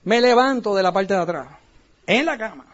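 A man from Puerto Rico with a Puerto Rican accent, giving an animated storytelling talk to an audience as a motivational speaker. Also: high-pitched, normal speed. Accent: Puerto Rican Spanish. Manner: animated, acts out quoted voices. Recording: dull lo-fi recording.

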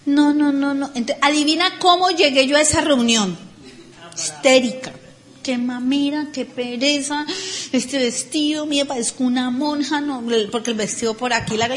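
High-voiced Colombian woman, animated, sarcastic anecdote. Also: a little hiss or hum. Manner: animated, sarcastic, acts out people. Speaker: storyteller. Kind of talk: casual anecdote telling.

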